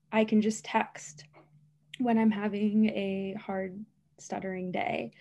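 A woman speech-language pathologist who stutters answers interview questions earnestly and emphatically, with frequent repetitions and blocks. Her voice is medium-pitched with a darkish tone.

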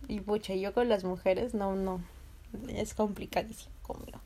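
A woman's voice: medium pitch, normal speed, a little hiss or hum. A young woman with a Peruvian accent telling a personal story casually, laughing and acting out the voices of others. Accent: Peruvian Spanish. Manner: animated, laughing, swearing, acting out quoted voices. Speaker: vlogger.

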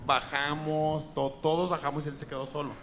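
Male host, slightly high voice, animated and casual as he tells a story. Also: fairly quick, a little hiss or hum. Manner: animated, retells events with quoted dialogue. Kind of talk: casual storytelling on a talk show.

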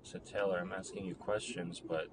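A young man with a deep, low voice talks through a relationship in a halting, rambling way, full of fillers and restarts. He sounds reflective. Clear background noise runs under his voice. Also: fairly even intonation. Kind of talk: personal monologue about a relationship.

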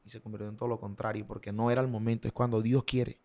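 A man, a singer telling stories in a casual interview, animated and fond of sound effects. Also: fairly low pitch, fast talker.

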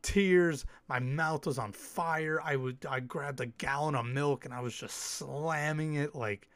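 Animated, swearing podcast host. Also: male voice, fairly high pitch, no echo. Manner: animated storytelling, swears freely, quick asides. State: slightly sick, occasional cough. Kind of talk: casual solo podcast rant.

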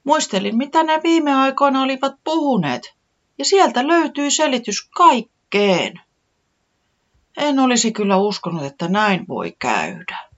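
Casting: fretful little sick chick, high and wavering, as a reader puts it on; muffled recording. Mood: excited. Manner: high, excited and complaining. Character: small sick worried chick, easily upset.

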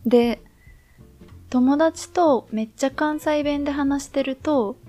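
A woman's voice: high-pitched, slow, dark tone, faint music behind. A woman from Kyoto speaking in a Kansai accent and dialect, chatting casually as a podcast co-host. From Kyoto, Japan. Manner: colloquial Kansai dialect phrasing. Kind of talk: casual chat.

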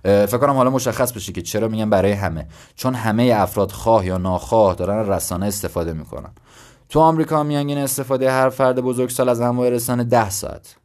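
A man's voice: medium pitch, a little mellow. A man in his twenties from Iran hosting his own podcast, explaining ideas in a conversational, thinking-aloud way with self-deprecating asides. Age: 20s. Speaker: podcast host. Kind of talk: casual solo podcast talk.

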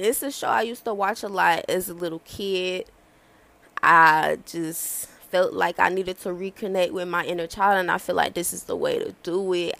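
A woman's voice: mid-range voice, creaky, fairly bright tone. A woman of twenty-one talking casually and candidly on her own podcast, rambling and slangy. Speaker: podcast host. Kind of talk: casual solo podcast talk.

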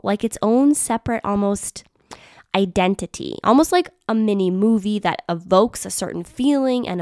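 A woman's voice: medium pitch, clean tone, no room sound, studio quality. A woman hosting her own podcast, talking in an upbeat, chatty, emphatic way as a business mentor. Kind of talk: casual solo podcast talk.

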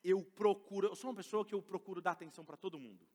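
Speaking to his congregation with emphasis, a middle-aged Brazilian Portuguese-accented pastor delivers a sermon. His voice sits high and a little mellow, and he talks very fast. Long reverb from the church hall fills the recording.

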